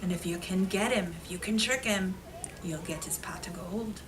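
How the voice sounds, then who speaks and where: In a noisy room, captured from a distant microphone, a woman with a mid-range voice reads aloud to young elementary schoolchildren at normal speed. She explains with simple, repeated phrases and punches key moments dramatically.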